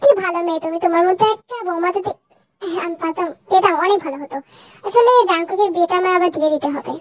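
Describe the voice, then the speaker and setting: A woman's voice: very high-pitched, steady tone, quick pace, pitched below the performer's own voice. A young woman voicing a middle-aged mother who frets and rambles fondly about her children, in a fan dub drama. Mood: fretful. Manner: rambling, fussing.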